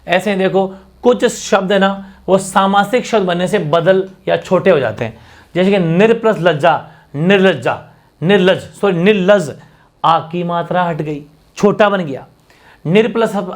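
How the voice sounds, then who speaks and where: A man with a high voice runs through grammar rules for an exam-prep class. He repeats each example and fires off rhetorical questions to keep his students with him. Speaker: teacher.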